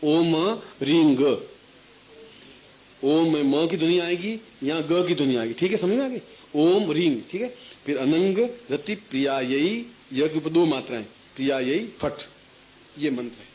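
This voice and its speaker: A man's voice: fairly high pitch, moderate pace. A man giving a spiritual discourse as guru, instructing listeners and chanting mantras rhythmically. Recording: tinny phone-like archival recording.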